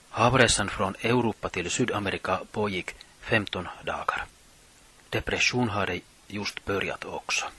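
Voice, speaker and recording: Low husky radio man. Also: bright, forceful tone. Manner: reads from notes, measured and plain. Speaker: radio presenter. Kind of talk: scripted radio presenting.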